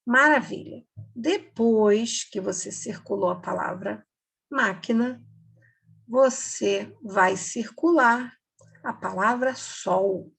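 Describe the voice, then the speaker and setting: A woman teacher giving a slow, patient recorded reading lesson for children, repeating words and checking in with "ok?". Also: on the high side, gravelly, a bit bright, husky.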